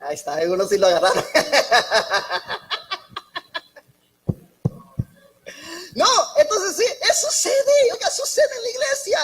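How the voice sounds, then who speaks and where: A woman delivers a church sermon in a high, bright voice. She talks haltingly, repeating and restarting words as she goes. She breaks into lively, joking asides between her points. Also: poor audio. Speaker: preacher.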